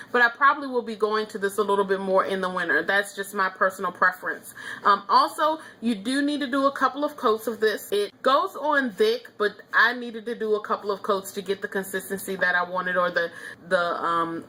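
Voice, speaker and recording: Woman, beauty vlogger, casual review, chatty, opinionated, bright clear tone. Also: medium pitch. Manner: chatty, opinionated, frequent ums and laughs.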